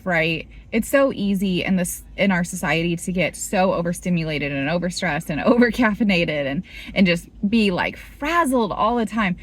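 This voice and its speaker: A woman in her thirties talking casually in a fitness vlog, rambling with lots of "like" and "you know". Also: mid-range voice. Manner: rambling, heavy use of "like". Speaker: fitness vlogger.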